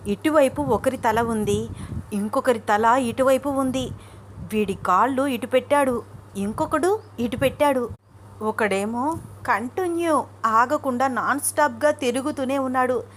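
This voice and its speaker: A woman's voice: a little slow, slight background noise. A woman voicing a young pregnant wife who is affectionate and anxious, in a pleading, raised voice. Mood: excited. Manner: pleading, breathless, high and loud.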